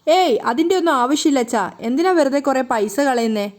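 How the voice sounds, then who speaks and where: Woman voicing a cool, scheming young woman, high-pitched. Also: lively intonation, brisk, darkish tone. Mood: scornful.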